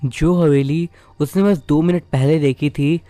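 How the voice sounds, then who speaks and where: A man narrating a scripted horror story in a measured, suspenseful way. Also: on the high side, fairly even intonation, dark tone, no room sound, faint music behind.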